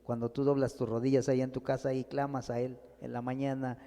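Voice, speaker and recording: A man's voice: medium pitch, flat delivery, a little fast, mellow. Preaching man in a reverberant church. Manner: preaching, addressing the congregation as brothers, rising and falling emphasis. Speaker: pastor. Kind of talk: sermon.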